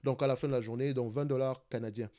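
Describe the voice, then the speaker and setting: A man with a Cameroonian French accent hosts an investing channel, running through a live screen-share stock analysis at a fast clip. His voice is medium-pitched, warm, and fairly even in intonation, and he searches for words, restarts phrases often, and keeps checking in with "d'accord?".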